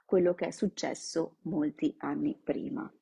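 A woman narrating a novel aloud in a slow, dramatic storytelling manner, live from home. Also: deep voice, fairly even intonation, gravelly, mellow, slightly rough. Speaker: reader. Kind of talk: dramatic audiobook-style reading.

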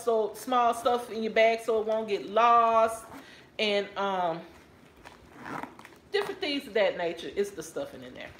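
A middle-aged Texan woman sits on her living room couch, chatting casually and playfully with viewers about a handbag she found and calling them y'all in a haul video. Her voice sits on the high side, and the roomy sound carries slight background noise. A camera or phone on a stand frames her closely.

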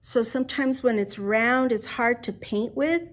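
A woman with a fairly high voice leads a children's Bible lesson. She talks slowly and gently, in the easy, questioning way of someone telling a story to small kids. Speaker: children's program leader.

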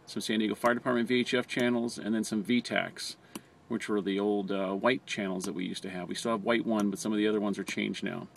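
An American fire department communications trainer narrates a hands-on training video, plainly explaining each step in a low, steady, creaky voice that runs a little fast. It sounds like amateur camera audio from a nearby handheld camera or phone, with noticeable background noise.

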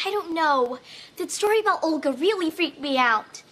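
A female actor with an American accent playing an excitable, frightened young camper in a sitcom, speaking emphatically. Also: very high voice, normal speed. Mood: earnest, spooked. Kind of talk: broad sitcom acting.

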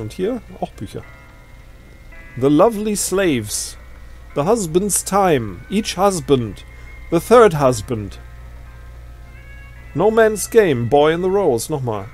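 A man's voice: a little high, darkish tone. A middle-aged man giving chatty, amused commentary while playing a video game. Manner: chatty, amused, reads on-screen text aloud. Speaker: let's play host. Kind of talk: gameplay commentary.

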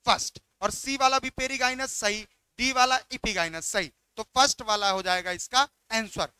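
Bright-voiced man teaching biology. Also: high-pitched, moderate pace, clean tone, dry recording. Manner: coaxing, repeats questions to students. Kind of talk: exam question walkthrough.

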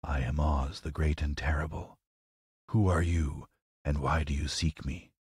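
Man as a low, breathy, commanding fireball wizard. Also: fairly even intonation, measured pace, no room sound, clean studio sound, exaggerated voice. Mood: cold, commanding. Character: great and terrible wizard as a fireball, cold, commanding.

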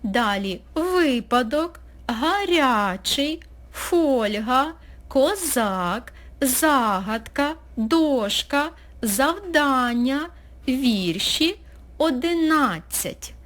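A woman teacher narrating a recorded school lesson, speaking slowly and clearly as if dictating. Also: high-pitched, animated, fairly bright tone. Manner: slow, clear, dictating pace.

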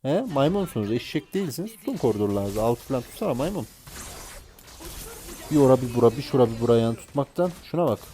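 A man's voice: medium pitch, animated, quick pace, long pauses, mellow. A man giving gameplay commentary while playing a mobile game, exasperated and ranting at his teammates.

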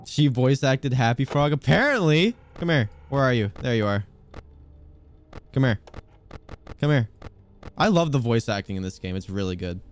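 A man's voice: medium pitch, expressive, normal speed, pauses often, slight background noise. A man streaming a video game, chatting casually with viewers in a teasing, joking way and laughing often. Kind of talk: casual gaming stream chat.

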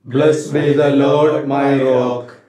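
Brief: male-led congregation, unhurried flat group responses at Mass, heavy cathedral echo, distant. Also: mid-range voice. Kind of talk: spoken liturgical responses in unison. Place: large church during Mass. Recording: roomy church echo, voices from far off. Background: congregation voices.

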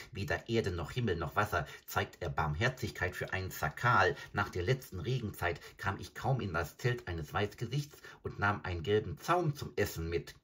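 A man voicing a cowardly, hungry male jackal with a quick, whining and greedy manner. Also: lowish voice, fairly bright tone, slightly rough, pitched above the performer's own voice, exaggerated voice.

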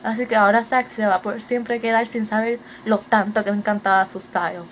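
A young woman with a Puerto Rican Spanish accent, chatting fast and excitedly in a casual video update and slipping English words into her Spanish. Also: mid-range voice, a little hiss or hum. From Puerto Rico. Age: young adult. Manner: hyper, rapid, mixes English into Spanish. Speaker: vlogger.

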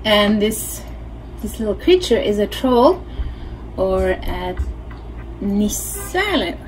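Speaking extremely slowly with wide swings in pitch around a mid-range voice, this Norwegian-accented, middle-aged puppeteer talks through a relaxed craft tutorial while demonstrating. She's indoors in a small home studio, and there's obvious noise on the recording.

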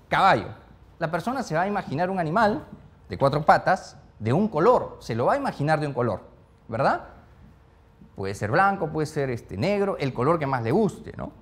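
Animated male teacher quizzing a class. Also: on the high side. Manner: animated, questions the group over and over; peppers speech with "¿ya?" and "¿no?". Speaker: speed-reading course instructor. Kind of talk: interactive classroom lesson. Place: classroom with a live group.

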